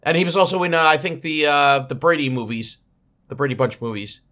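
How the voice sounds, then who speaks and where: A man's voice: on the high side, fairly even intonation, fairly quick, pushed and bright. A man co-hosting a casual chat, hesitant, often stammering and restarting. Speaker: podcast co-host.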